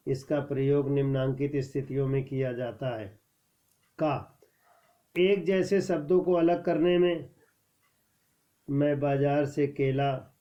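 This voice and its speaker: A man gives a school grammar lesson in an unhurried, deliberate way. He lifts his voice for each new heading, then drops it to read the examples. His voice sits a little high, and the recording is dull and lo-fi. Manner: measured, announces each heading louder then reads examples more softly. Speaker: teacher. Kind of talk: scripted Hindi grammar lesson.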